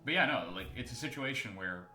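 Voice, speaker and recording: A man's voice: medium pitch, animated, a little fast, bright, forceful tone, roomy sound, soft background music. A man giving casual, sardonic and profane commentary as he plays a video game.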